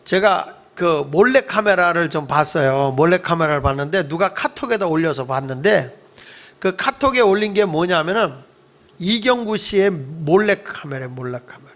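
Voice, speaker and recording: A man's voice: a little high, expressive, moderate pace, a bit bright. A male pastor preaching a youth service sermon in a conversational storytelling way, asking the congregation questions.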